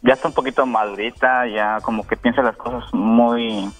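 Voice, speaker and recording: A Mexican caller on a radio show, a man speaking at a middling pitch. He answers hesitantly, stopping and restarting his phrases, with faint music behind. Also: fairly even intonation, fairly bright tone. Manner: hesitant, halting speech with restarts.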